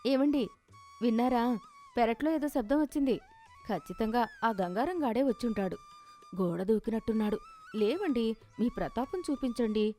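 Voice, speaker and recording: A woman voicing a bold village wife in an animated story who needles her husband. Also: on the high side, normal speed, long pauses, soft background music, natural voice. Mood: insistent. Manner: mocking and needling.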